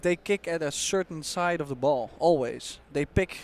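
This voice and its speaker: Male pool analyst, higher voice, explanatory. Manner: explanatory, measured, uses fillers like "you know". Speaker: expert co-commentator. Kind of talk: analytical sports commentary.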